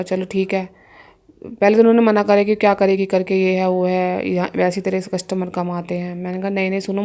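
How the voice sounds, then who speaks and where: A young woman shares an emotional personal testimony with a congregation, often speaking directly to listeners as her story unfolds. Her voice is medium-pitched and warm.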